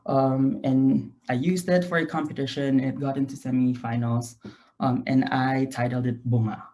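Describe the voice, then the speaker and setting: A man's voice: mid-range voice, little pitch movement, moderate pace, dark tone. A young adult man with a Filipino accent gives an informal online lecture, mixing Tagalog and English. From Philippines. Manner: mixes Tagalog and English (Taglish). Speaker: guest lecturer, graduate researcher. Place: home room, indoors. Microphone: video call.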